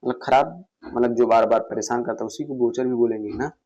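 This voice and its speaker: A man's voice: mid-range voice, fairly quick, darkish tone, lo-fi sound. A man teaching an exam-prep vocabulary lesson, asking questions and answering them himself, repeating each word. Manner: asks and answers his own questions, repeats words.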